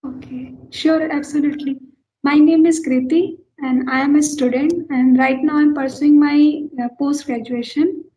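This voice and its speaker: Young Indian student, Maithili first language, high-pitched, slow careful English conversation. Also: female voice, steady tone, warm tone, a little hiss or hum, rough recording. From Uttar Pradesh, India. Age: young adult. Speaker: postgraduate student and channel host. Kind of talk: casual chat, English speaking practice.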